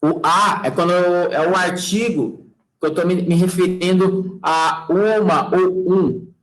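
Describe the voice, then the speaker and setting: A man's voice: high-pitched, takes it slowly, poor audio. A man with a Brazilian Portuguese accent teaching English in a casual classroom style. He keeps checking in with his students and drops folksy sayings as he goes. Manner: checks in with students constantly, asking "tá?" and "fechou?"; relaxed and chatty, using folksy sayings.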